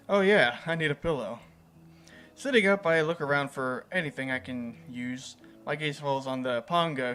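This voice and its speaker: A man's voice: medium pitch, a bit bright. Playful man reading a game aloud. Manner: playful, laughs at the story. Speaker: gaming channel host.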